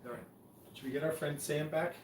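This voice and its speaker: A man's voice: on the high side, fairly even intonation, brisk. A man hosting a casual live show, talking in a hesitant, dry and teasing way. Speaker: live stream host. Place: pub room. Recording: roomy and distant, faint noise.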